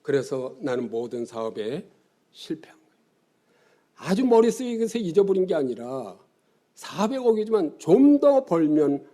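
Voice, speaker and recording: A man in his seventies, a pastor preaching a sermon with animated storytelling and sudden quiet drops. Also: on the high side. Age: 70s.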